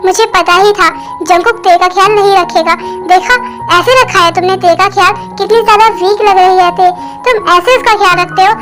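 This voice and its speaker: A woman's voice: very high-pitched, steady tone, normal speed, hardly any pauses, fairly bright tone, soft background music. Woman dubbing a fussing protective sister-in-law. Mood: scolding. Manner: fussing, questioning. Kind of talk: fan dub.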